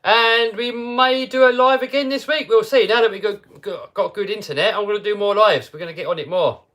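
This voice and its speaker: High-sitting and fairly bright, this man's voice moves fairly quickly as he hosts a casual live chat. He's easygoing, laughs frequently and reads aloud what his viewers ask.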